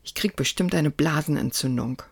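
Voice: medium pitch, moderate pace, creaky, husky. The narrator voicing a gloomy, bossy girl who talks curtly and cuttingly. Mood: grumbling. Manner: curt, dry and cutting.

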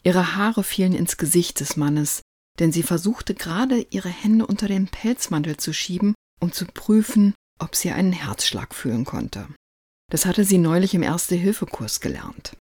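A narrator reading a story aloud in a calm, even storytelling manner. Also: mid-range voice, normal speed, breathy edge, no room sound, clean studio sound.

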